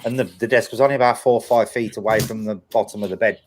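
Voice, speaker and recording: Low-voiced man telling a personal story. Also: steady tone, fast, a little hiss or hum. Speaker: host of a paranormal live chat. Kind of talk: casual chat, telling a personal anecdote.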